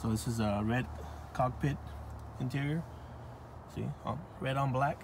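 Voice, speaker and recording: A man's voice: mid-range voice, measured pace, background noise. Man filming a car walkaround on a phone. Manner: relaxed, offhand, talks to viewers directly. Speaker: car salesman showing a new car. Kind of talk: casual walkaround video. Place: outdoor car dealership lot and inside a car. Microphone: phone held in hand while filming.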